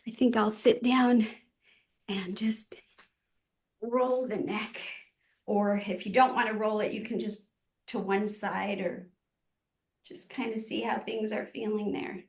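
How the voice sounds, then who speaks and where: A woman casually guiding a stretching class in a gentle, encouraging, easygoing way. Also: mid-range voice, fairly even intonation, slow pace, pauses often. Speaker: fitness class host. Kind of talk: casual guided stretching instruction. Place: indoor room, live online exercise session. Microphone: camera microphone at a distance. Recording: echoey room, distant microphone.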